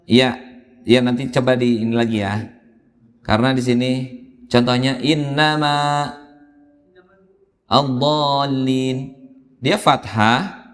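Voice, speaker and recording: A man teaching Quran reading in a mosque, explaining patiently and chanting drawn-out examples. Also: medium pitch. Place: mosque hall. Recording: long hall reverb in a mosque.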